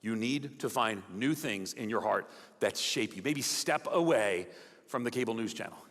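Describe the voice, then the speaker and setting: A man preaching a sermon as a guest speaker, animated, acting out quoted voices and dropping to soft emphatic lines. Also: lowish voice, moderate pace. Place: large church auditorium. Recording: long hall reverb.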